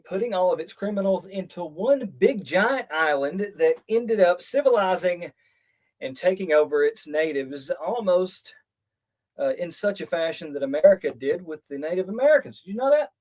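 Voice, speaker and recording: A man hosts a casual podcast with an animated, joking delivery. His voice sits a little high and jumps around a lot in pitch, with sudden bursts of loudness. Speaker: podcast host.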